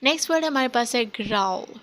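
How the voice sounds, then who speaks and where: A woman teaching a spoken English lesson in Hindi, drawing out example phrases slowly and often correcting herself. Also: fairly high pitch, expressive, a bit bright. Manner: slow drawn-out example phrases, frequent self-corrections.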